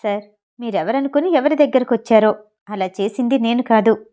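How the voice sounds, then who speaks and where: Young groom, pleading, earnest, slightly lower and quieter, read by a woman, storybook narration. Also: normal speed, lightly acted.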